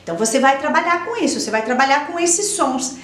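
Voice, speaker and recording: A woman's voice: sits high, animated, fast talker, a bit bright, reverberant. A woman giving step-by-step advice to teachers, explaining patiently and asking rhetorical questions. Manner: explanatory, repeats points, asks rhetorical questions. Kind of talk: instructional talk to teachers.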